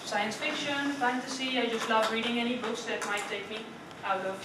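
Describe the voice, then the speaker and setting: Speaking at a moderate, steady pace in a fairly high register, a young Dutch club speaker gives a prepared speech in a meeting room. Her style is conversational, full of questions for the listeners and frequent "right?" tags. It was captured from far away in an echoey, noisy space.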